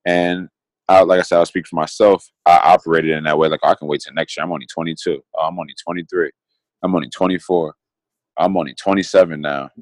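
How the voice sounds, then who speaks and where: A young man in his twenties speaks with a very low, deep voice, close and dry with no room sound. He co-hosts a casual podcast, talking earnestly and reflectively and circling back over his own phrases as he thinks aloud. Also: steady tone, fast, no echo. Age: 20s. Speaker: podcast co-host.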